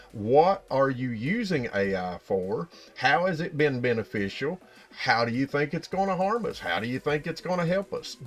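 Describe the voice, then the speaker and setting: A man with an Appalachian hillbilly accent talking casually and folksily to viewers as a channel host, explaining things directly. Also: on the high side.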